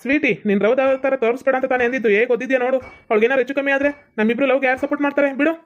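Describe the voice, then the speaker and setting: A woman's voice: high-pitched, fairly even intonation, natural voice. A woman voicing a stubborn, devoted husband who talks firmly and reassuringly. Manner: firm, rapid, reassuring. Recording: dull lo-fi sound.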